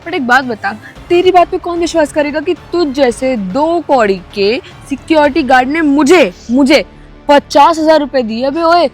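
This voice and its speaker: A woman's voice: sits high, normal speed, a little mellow, soft background music, close to an everyday voice. A woman playing an arrogant young company manager who scornfully mixes English words into her speech. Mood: contemptuous.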